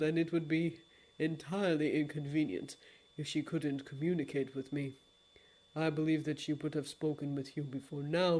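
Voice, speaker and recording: Dream, a hushed grave dream lord, read by a woman. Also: sits low, voice pushed down, rough recording. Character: solemn immortal male lord of dreams.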